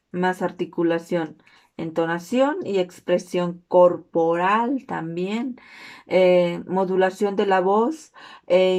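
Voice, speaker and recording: A young woman with a Mexican accent and a naturally hoarse voice, giving an earnest, informal class presentation. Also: a little mellow. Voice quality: hoarse, low-toned voice.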